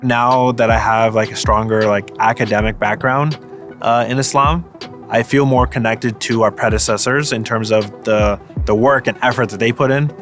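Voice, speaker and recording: Young man, from Northern Virginia, mid-pitched, casual, thoughtful, faint music. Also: fairly even intonation, normal speed, fairly bright tone. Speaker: seminary student. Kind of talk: personal testimonial.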